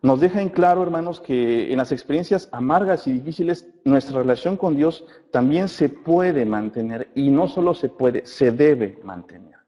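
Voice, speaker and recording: A man's voice: medium pitch, expressive, warm tone. Male Bible class teacher, checks in with his listeners, long reverb, dull lo-fi sound. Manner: addresses listeners as brothers, asks checking questions; reads scripture aloud slowly. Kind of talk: church Bible class lecture. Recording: muffled recording in a reverberant hall.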